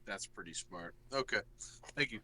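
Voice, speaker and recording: A man's voice: on the low side, lively intonation, moderate pace, sharp tone, slight background noise. A man playing a tabletop game, brash and swearing casually as he declares his moves. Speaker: player.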